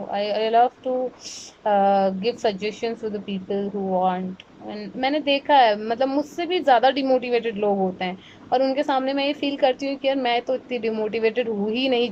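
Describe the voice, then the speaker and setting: A woman's voice: fairly high pitch, a little mellow, dull audio, slight background noise. A young woman from India talking to camera in a casual, rambling vlog, mixing Hindi and English and often correcting herself. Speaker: vlogger.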